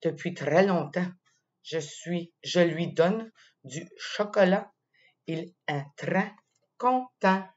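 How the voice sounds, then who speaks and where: Speaking with a Quebec French accent, a woman tells a playful children's story slowly, her lower-leaning voice staying expressive and punctuated by little laughs. The recording sounds dull and lo-fi.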